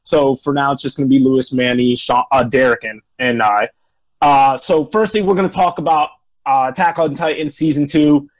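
A man's voice: medium pitch, moderate pace, low-quality recording. A young man hosting and moderating a podcast in a casual, conversational way.

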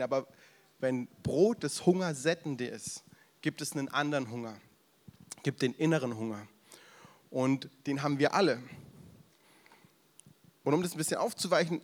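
A man preaching a casual youth sermon, retelling the story with slang, acting out the crowd's voices and breaking off for asides to the audience. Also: on the high side. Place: event room with audience, drinking beer.

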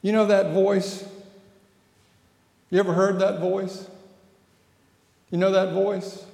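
A male preacher delivers a sermon at a slow, deliberate pace, in a slightly higher-than-usual voice. His conversational delivery, full of questions to the congregation, echoes through a church sanctuary with a long, ringing reverb. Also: level tone, gravelly, a little mellow. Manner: conversational, asks the audience questions.

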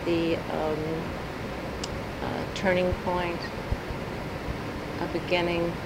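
A woman conducting a recorded oral history interview, phrasing her questions carefully and with pauses. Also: little pitch movement. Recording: noisy tape with humming room rumble.

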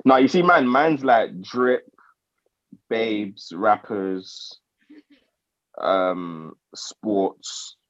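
A man's voice: on the low side, very slow, pauses often, a bit bright, no room sound, highs cut off. A young man with a London roadman accent, chatting casually on a podcast in slang and repeating himself emphatically. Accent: London, urban roadman slang. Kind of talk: casual group chat.

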